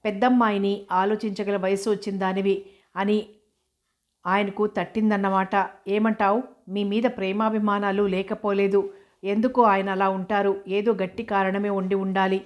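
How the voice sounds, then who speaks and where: A woman reading the lines of a lively, curious young woman who coaxes and teases her friend. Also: mid-range voice, moderate pace, natural voice. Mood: reassuring.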